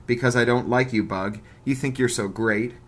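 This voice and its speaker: A man voicing a loud taunting schoolyard bully. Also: mid-range voice, steady tone, normal speed, close to an everyday voice. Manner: taunting, shouting.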